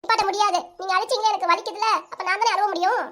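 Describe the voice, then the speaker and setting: Squeaky little cartoon girl, a woman doing her, southern tamil accent, whiny and quick, always talking back. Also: steady tone, fairly bright tone. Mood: whiny defiant. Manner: whiny, defiant back-talk. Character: sulky little girl who talks back.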